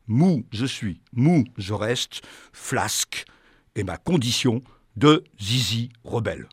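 A man voicing a hundred-year-old talking penis that is stubborn and gruff, in a comic sketch. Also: medium pitch, lively intonation, slow pace, no room sound, studio quality, heavily acted. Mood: defiant. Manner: gruff, sulky, obstinate.

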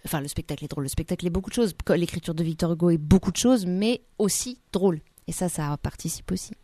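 A woman's voice: on the low side, fast talker, dark tone, dry recording, clean studio sound. A woman, an actress, answering questions in a radio interview, hesitant and full of restarts. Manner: hesitant, many restarts and fillers. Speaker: actress, guest.

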